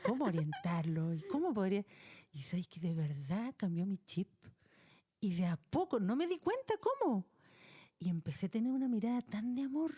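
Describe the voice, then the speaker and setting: A middle-aged woman with a Chilean accent recounts a personal testimony as a podcast guest. Her voice is mellow and warm, and her pitch swings widely as she talks. She speaks in a loose, colloquial way and laughs along with her own story. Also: moderate pace, slightly rough. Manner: animated, colloquial, laughs while telling.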